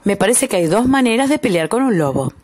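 A woman voicing a clever, calm little louse in a children's story. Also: mid-range voice, fairly quick, slight background noise, natural voice. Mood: calm, persuasive.

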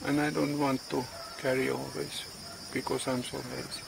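A man in his forties casually vlogs outdoors on a farm, filmed on a handheld phone camera held at arm's length. He speaks halting English, searching for words, with a medium-pitched, level voice and some vocal fry. Insects, animals and other background noise fill the outdoor ambience.

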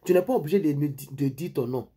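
Male vlogger, mellow and a bit raspy, loose and repetitive, talks directly to his viewers. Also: on the high side, animated, fast. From Ivory Coast. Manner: rambling, repeats himself, addresses viewers directly. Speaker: YouTuber giving life advice. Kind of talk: casual advice monologue.

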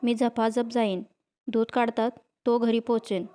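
A woman's voice: on the high side, steady tone, a little slow, dark tone, clear, resonant tone, natural voice. A woman reading the lines of a fearless, stubborn village man, spoken firmly. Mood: dismissive.

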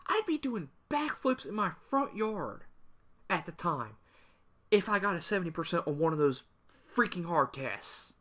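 This young man's voice sits high and sounds fairly bright, very animated but at a normal pace. He's a gaming video creator delivering a sarcastic, meandering opinion rant to camera, full of side comments.

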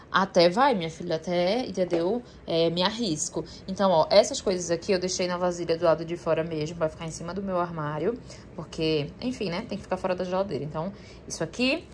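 In a casual kitchen vlog, a young woman chats with her audience while sorting food, often speaking to them directly as a camera on the counter films. Her voice is mid-range, with slight background noise.

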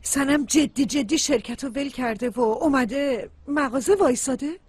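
A woman's voice: high voice, a little mellow, no room sound, natural voice. A woman dubbing a fretful, nosy middle-aged mother who fusses over her daughter. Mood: fretting. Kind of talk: Persian dubbing of a TV series.

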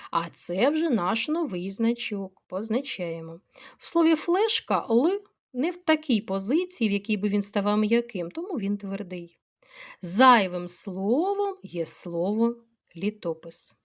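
A middle-aged woman with a Ukrainian accent, a teacher slowly explaining a grammar lesson to schoolchildren step by step and addressing them directly. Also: mid-range voice.

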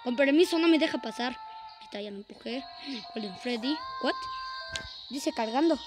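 A woman commenting as a YouTuber while playing a horror game, excitable and prone to gasps and shrieks at scares. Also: high-pitched, normal speed. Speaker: gaming YouTuber. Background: game music.

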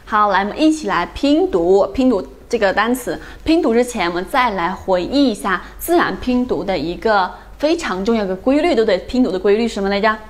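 With a lively, mid-range voice, this teacher works through English phonics one sound at a time. She takes it slowly and keeps pausing to make sure her students are following.

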